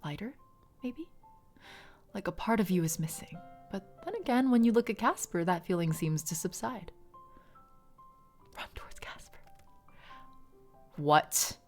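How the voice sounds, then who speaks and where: A woman streamer reading a game's second-person narration aloud in a measured, softly dramatic way. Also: medium pitch, animated. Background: faint game music.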